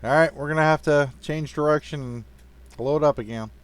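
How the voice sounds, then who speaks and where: A man running a tabletop game as game master, narrating haltingly. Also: fairly high pitch, clean tone.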